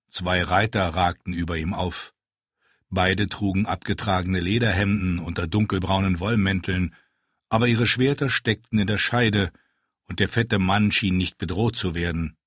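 A man narrating an audiobook in German, reading scripted narration with expressive storytelling. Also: low-pitched, husky, no room sound, clean studio sound.

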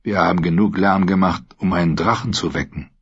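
A cocky captive knight drips sarcasm and mock courtesy, played by a male reader. His voice is a bit husky, and the recording sounds dull and lo-fi. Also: low-pitched, a little fast. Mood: sneering. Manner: sardonic, mocking.

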